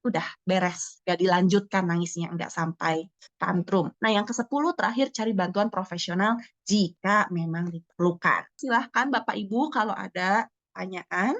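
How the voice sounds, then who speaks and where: A woman's voice: mid-range voice, normal speed, no echo. A woman teacher giving a seminar talk, acting out children's voices as she tells stories. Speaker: teacher and speaker. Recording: dull lo-fi sound.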